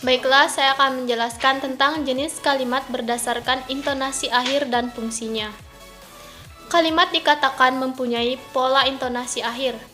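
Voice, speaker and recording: A young woman student reads out her part of a class presentation in a steady, explanatory way. Her voice is high and bright, with faint music behind her.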